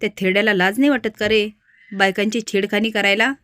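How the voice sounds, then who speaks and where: A woman narrator voicing a scheming, sharp-tongued aunt who talks down scornfully. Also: medium pitch, fairly even intonation, fairly quick, no room sound, clean studio sound, lightly acted. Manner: scornful, heated.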